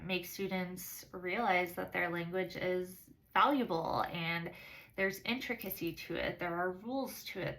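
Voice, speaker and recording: A woman's voice: lowish voice, bright, forceful tone, rough recording. A woman talking in a casual, reflective vlog style, earnest and somewhat hesitant in her phrasing. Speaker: science teacher giving a course reflection.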